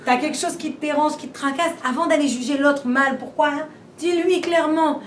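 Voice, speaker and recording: High-voiced woman teaching in a roomy hall. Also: steady tone, normal speed. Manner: chatty, repeats and restarts, asks rhetorical questions. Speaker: teacher giving a class. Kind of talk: informal talk to a class. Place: room where she teaches a class. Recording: roomy and distant, faint background noise.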